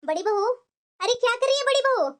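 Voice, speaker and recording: A woman's voice: very high voice, expressive, fairly quick, over music. A woman voicing a scheming, bossy mother-in-law in a cartoon, scolding and nagging her daughter-in-law. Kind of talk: cartoon voice acting.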